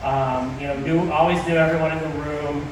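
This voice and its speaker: A man giving an informal wedding toast as the groom, speaking haltingly to his guests. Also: a little high, steady tone. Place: large reverberant venue with guests. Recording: echoey hall from far off, noisy crowd.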